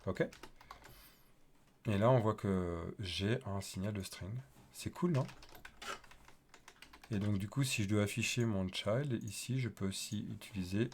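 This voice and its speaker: Chatty low-voiced man live coding. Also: a little slow, pauses often, darkish tone, a little hiss or hum. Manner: chatty, thinks aloud with many fillers while typing. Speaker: developer teaching a coding livestream. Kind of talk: casual live coding tutorial.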